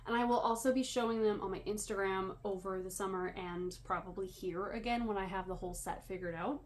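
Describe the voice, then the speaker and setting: Clear room noise sits behind a Canadian podcast host and yarn dyer as she chats a little fast in a mid-range, fairly even voice. Her talk rambles with self-deprecating asides, and she comes across slightly wheezy and out of breath.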